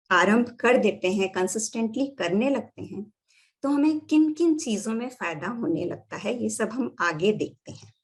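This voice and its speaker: Indian woman lecturing, slightly high voice. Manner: explanatory, mixing Hindi with English phrases. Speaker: doctor and yoga therapy teacher.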